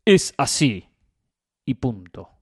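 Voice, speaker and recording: A man's voice: medium pitch, big pitch swings, slow pace, breathy edge, no room sound, clean studio sound, faint music behind. A man giving opinionated football commentary as a host, emphatic and fond of rhetorical questions and repetition.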